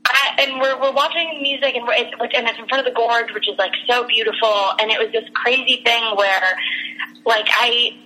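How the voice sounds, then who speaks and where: A woman's voice: a little high, fairly even intonation, moderate pace, sharp tone, poor audio. A young woman casually telling a long personal story, rambling with lots of fillers and restarts and laughing as she goes. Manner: laughs through her story.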